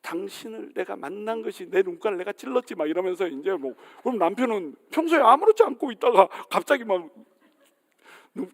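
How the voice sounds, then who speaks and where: A male pastor preaching a sermon, telling humorous stories, acting out the people in them and putting questions to the congregation. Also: fairly high pitch. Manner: humorous storytelling, acting out quoted voices, asking the congregation questions. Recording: long hall reverb.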